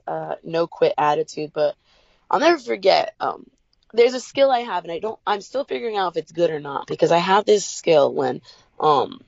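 A young adult woman as an interview guest, telling a personal story with upbeat energy and lively quoted voices. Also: dry recording, highs cut off. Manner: upbeat storyteller, acts out quotes with big pitch jumps.

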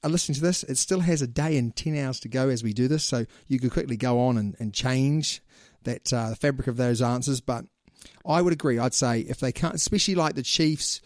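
A man's voice: mid-range voice, a little fast, hardly any pauses, no echo, clean studio sound. A man with a New Zealand accent hosting a casual sports podcast, chatting in a slangy, teasing way. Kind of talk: casual chat.

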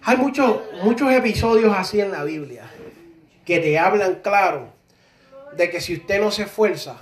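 A man preaches with a high, animated voice, slipping into the voices of figures from scripture stories. He sounds distant from the microphone, and the room echoes around him. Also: normal speed. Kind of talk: sermon.

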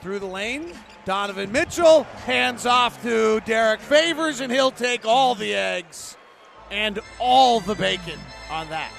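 A man doing live basketball play-by-play, in clipped running descriptions that burst into excited calls. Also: high-pitched, slow pace, gravelly, faint music behind. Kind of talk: live game commentary. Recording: noisy arena sound. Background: gym noise, bouncing basketball.

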